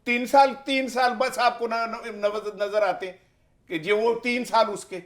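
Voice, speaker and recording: High-voiced man, fired-up political analyst. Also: steady tone, fairly bright tone. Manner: impassioned, rhetorical, piles up questions. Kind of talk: heated political commentary.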